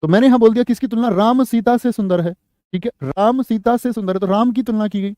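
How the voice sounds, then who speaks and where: A man's voice: high-pitched, brisk, dark tone, dry recording, clean studio sound. A young man teaching a Hindi grammar class for exam students, quizzing them with repeated questions and calling them brother and friend. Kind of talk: online exam-prep class lecture.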